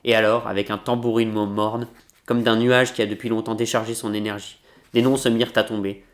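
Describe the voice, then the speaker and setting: Male reader, low register, even and unhurried, literary read-aloud. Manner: measured, steady literary reading. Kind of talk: reading a novel aloud.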